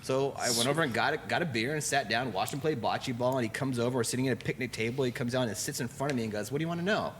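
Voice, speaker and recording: A man rattles through a personal story at a quick clip. He tells it casually and acts out the dialogue as he goes. A faint hiss of room noise sits under his voice. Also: medium pitch. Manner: animated, acts out quoted dialogue. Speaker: brewery owner.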